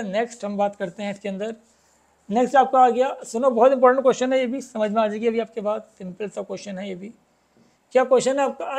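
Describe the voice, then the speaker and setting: A man teaching a chemistry lesson, reading English questions slowly and explaining them, often asking students whether it is clear. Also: very high voice, darkish tone. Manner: addresses students as "beta", keeps asking if it is clear.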